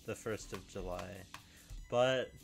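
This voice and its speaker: A young man chatting casually to camera in a deadpan, rambling way, often restarting his sentences. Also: on the low side, slow pace, vocal fry, faint music behind. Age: young adult. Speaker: video creator. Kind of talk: casual solo chat.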